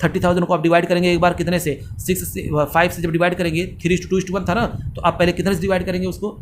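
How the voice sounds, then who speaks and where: A male accounts teacher giving a fast lecture, asking the students questions and answering them himself. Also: high-pitched, level tone, slight background noise.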